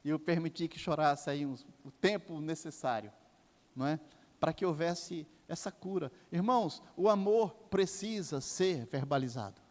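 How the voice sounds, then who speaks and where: A man's voice: on the high side, normal speed, a little mellow. An older man with a Brazilian Portuguese accent, preaching a sermon as pastor, with impassioned rises and drops. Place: church sanctuary. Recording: long church hall reverb.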